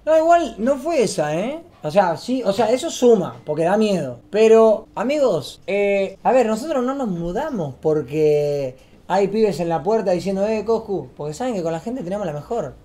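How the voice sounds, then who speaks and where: A young man with an Argentine accent, a streamer telling a story to camera in a fast, slangy, excitable way that gets loud when he acts out scenes. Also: high-pitched. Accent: Argentine Spanish.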